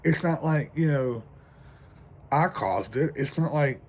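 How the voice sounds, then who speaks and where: A man's voice: a little high, animated, slow pace, a little mellow. A man venting in a rambling, stressed vlog monologue, sleepless and shivering outdoors in the cold, swearing a lot. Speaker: vlogger.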